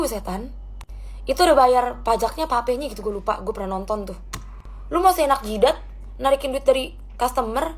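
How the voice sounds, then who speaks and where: Young woman, rapid indignant rant, slightly high voice, swears freely. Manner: indignant, fast ranting with swearing. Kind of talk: casual ranting story.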